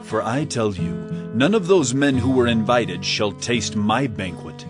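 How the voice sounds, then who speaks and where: Man playing an earnest, highly expressive Jesus. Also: measured pace, over music, natural voice. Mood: storytelling. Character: Jesus, an earnest male teacher telling parables. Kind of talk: audio drama Bible acting.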